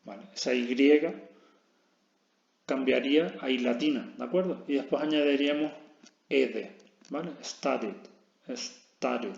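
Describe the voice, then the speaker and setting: A man's voice: medium pitch, normal speed, gravelly, long pauses, a little mellow. A man teaching a recorded lesson, explaining step by step and checking in with his students after each point. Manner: explains step by step, constant "¿vale?" check-ins. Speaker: English teacher. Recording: dull, roomy lo-fi recording.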